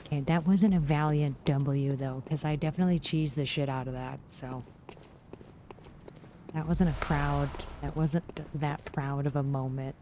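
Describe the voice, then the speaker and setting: A woman streaming a game live, chatting casually and swearing, quick to squeal when excited. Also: noisy background. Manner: excitable and profane, jumps to high yelps. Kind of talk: casual live gameplay commentary.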